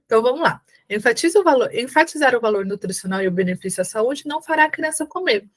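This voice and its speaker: A woman from Brazil with a São Paulo accent gives an exam-prep lesson, her voice pitched a little high. She explains patiently and keeps checking that her students follow along. Now and then she acts out warm, coaxing phrases, as if speaking to a small child at the table. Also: animated, fast. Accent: São Paulo Brazilian Portuguese. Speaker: teacher preparing candidates for an exam. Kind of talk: online lecture.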